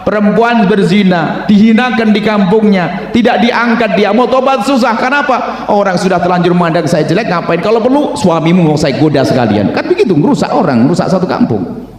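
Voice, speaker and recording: A man preaching a sermon, acting out the voices in a story and swinging from hushed tones to shouting. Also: high voice, brisk. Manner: acts out dialogue in a story, swings from quiet to shouting. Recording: echoey hall, long reverb.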